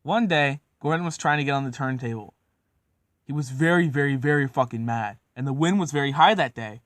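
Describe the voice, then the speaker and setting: A man's voice: medium pitch, fairly quick, fairly bright tone, no room sound. A man narrating a comedic story in a casual, profane, mock-serious way.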